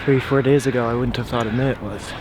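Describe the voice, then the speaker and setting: A man's voice: medium pitch, steady tone, fast, heavy background noise. A man chatting casually and informally outdoors as a participant in a swim challenge. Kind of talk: casual chat.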